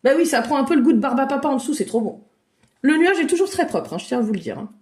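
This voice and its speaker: A high-pitched woman runs a children's drawing lesson over a video call. She mixes step-by-step instructions with playful make-believe, praising each child warmly as she goes. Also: quick pace. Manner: lively, encouraging, make-believe narration. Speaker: children's drawing workshop leader.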